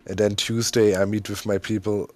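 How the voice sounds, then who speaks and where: A man's voice: fairly low pitch, flat delivery, normal speed, faint music behind. A man in casual stream chat, swearing offhandedly.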